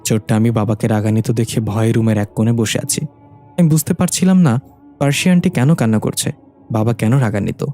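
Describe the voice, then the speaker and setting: A man reads a dramatic story aloud and speaks every character's lines in his own voice. His tone is soft and warm, and quiet music plays underneath. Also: medium pitch, a little fast. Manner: reads all parts, voicing women and men in his own voice.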